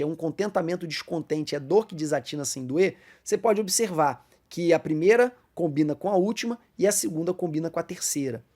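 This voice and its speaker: A man's voice: fairly high pitch, a little mellow. Brazilian man teaching Sunday school. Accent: Brazilian Portuguese. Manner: explanatory, addresses listeners as brothers, recites verse slowly. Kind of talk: Bible class lesson.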